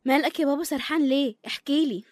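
A woman's voice: sits high, racing, heavy background noise, natural voice. A woman with an Egyptian accent playing a sensible, outspoken young daughter in a radio serial, direct in manner. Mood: calm, reassuring. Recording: faint music behind the voice.

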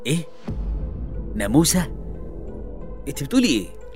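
A man's voice: on the high side, sing-song, fairly quick, a little mellow, soft background music. A man with an Egyptian accent playing a young captive, blustering and stammering when afraid. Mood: defiant. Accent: Egyptian Arabic. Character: young man captive on an island of women, defiant.

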